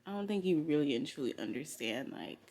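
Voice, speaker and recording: In her casual home vlog, a costume designer talks candidly and informally, very animated and brisk in a low voice. A crowd can be heard in the background.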